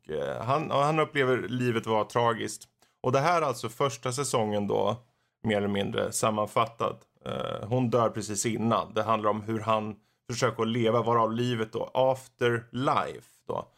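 Gravelly man, hesitant podcast chat. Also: on the low side, fairly bright tone. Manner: hesitant, many fillers. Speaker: podcast co-host. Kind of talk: casual chat.

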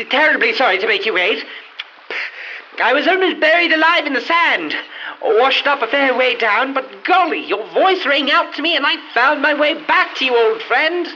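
A man doing a chipper posh gentleman adventurer. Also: extremely high pitch, very animated, unhurried, highs cut off, slight background noise, exaggerated voice. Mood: cheery. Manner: jolly, old-fashioned politeness.

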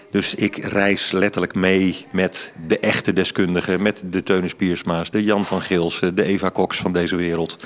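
A middle-aged man, an author, explaining in a casual interview with many ums and restarts. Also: low voice. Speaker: author and science journalist.

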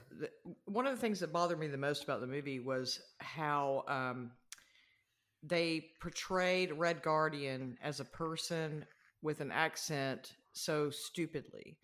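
A man's voice: on the high side, expressive, a little slow, fairly bright tone. A man in a casual movie discussion, talking in a hesitant, self-correcting, hedging way. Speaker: podcast co-host.

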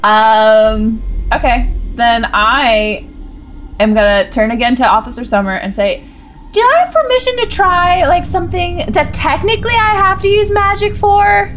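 A woman's voice: high voice, expressive, a little slow, a bit bright, a little hiss or hum. A woman playing a tabletop game, speaking tentatively and hedging as her character. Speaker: player.

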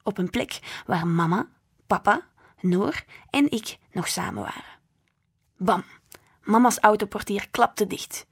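Breathy woman reading a storybook. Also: medium pitch, animated, slow pace, pauses often. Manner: quiet, drifting into hushed whispers. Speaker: audiobook narrator. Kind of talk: first-person storybook narration.

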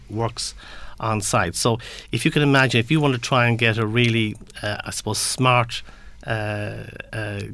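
A man from Galway with a west of Ireland accent, explaining things as an interview guest in a halting way, often repeating words as he searches for the next. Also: medium pitch, fairly bright tone. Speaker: interview guest, construction industry representative.

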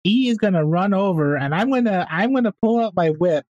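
A woman's voice: mid-range voice, lively intonation, fairly quick, a little mellow, no room sound, dull audio. Playful woman improvising at a game table. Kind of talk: casual improvised game narration.

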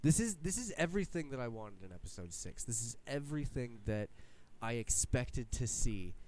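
Young guy on a podcast getting all worked up, swears a lot, mid-pitch voice, acts out quotes. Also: very animated, moderate pace, a little mellow. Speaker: podcast co-host. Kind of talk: excited casual fan chat.

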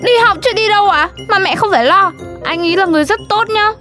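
A woman's voice: very high voice, fast talker, sharp tone, faint music behind. A woman playing a defiant teen schoolgirl. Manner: defiant, whiny arguing. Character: teenage schoolgirl daughter, stubborn, talks back. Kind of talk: comedy sketch acting.

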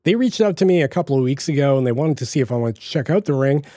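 A man's voice: medium pitch, expressive, fast, warm tone, dry recording, clean studio sound. A man with a Boston accent hosting a podcast, talking in a casual, rambling way with lots of fillers and restarts. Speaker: podcast host. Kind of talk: casual solo podcast talk.

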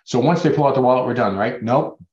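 A man's voice: medium pitch, fast talker, a little mellow. Man, dentist, webinar talk, persuasive, echoey room, muffled sound. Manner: earnest, persuasive storytelling. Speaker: dentist presenter. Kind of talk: webinar presentation. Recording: roomy, dull webinar audio.

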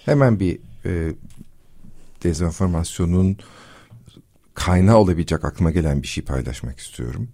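Low, husky-voiced man explaining calmly. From Turkey. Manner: measured, explanatory, many filler pauses. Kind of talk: casual discussion.

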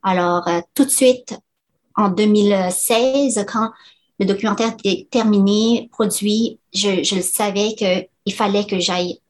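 A woman's voice: mid-range voice, unhurried. A middle-aged woman from Laos answering interview questions, hesitant, with many fillers and restarts. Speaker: documentary author interviewed.

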